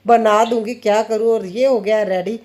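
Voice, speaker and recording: Mom vlogger lady in her 30s, mellow low-key voice, chatty and laughing a lot. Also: steady tone, normal speed. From India. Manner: chatty, laughs often, quotes family conversations. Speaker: home vlogger, mother. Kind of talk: casual chatty voice-over of daily routine.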